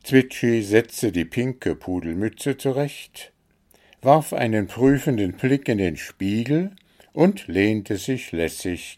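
A man reading a children's story aloud, expressive with dry asides. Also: fairly low pitch.

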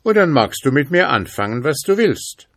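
A man voicing a fearless, quick-witted young student who answers calmly. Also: on the high side, dry recording, studio quality, pitched above the performer's own voice, exaggerated voice. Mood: cool. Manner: calm, quick-witted, unafraid. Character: bold, clever young male student.

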